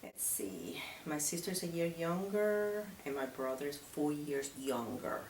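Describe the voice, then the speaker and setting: A woman's voice: low-pitched, animated, measured pace, a little mellow, distant mic. A woman in her fifties from Venezuela with a Venezuelan Spanish accent, a native Spanish speaker answering interview questions in a hesitant, thoughtful way. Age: 50s. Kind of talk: casual interview. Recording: echoey room, from the mic, faint hiss.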